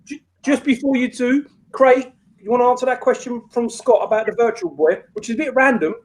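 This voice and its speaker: A man's voice: very high voice, steady tone, fairly quick, low-quality recording. A man hosting a casual livestream in a matey, rambling, sweary way. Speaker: livestream host.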